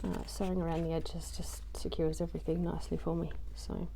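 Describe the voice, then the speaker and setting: At home, a woman whose lost voice has just come back works through a craft project, rambling casually with frequent ums and self-mocking comments for her craft journaling vlog. She talks fairly quickly in a low, gravelly, dark voice with flat delivery and slight background noise.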